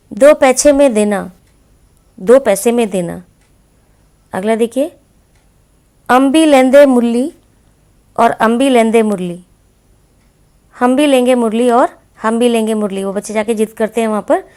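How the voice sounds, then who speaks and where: A woman teacher working through language exercises for students, speaking slowly and deliberately and addressing the class directly. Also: a little high, warm tone. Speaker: Hindi teacher. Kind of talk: classroom lesson explaining exercises.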